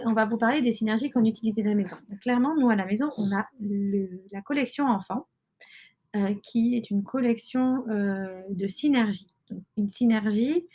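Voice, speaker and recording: This woman is a podcast host and mother who explains things casually to her listeners, hesitating often and restarting with plenty of fillers. Her voice sits on the high side, mellow and husky.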